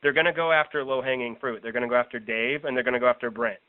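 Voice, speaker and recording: Rapid-fire and steady in tone, this American man has a mid-range voice. As a political organizer on a casual phone call, he explains his plan informally and with confidence; the recording is tinny telephone audio.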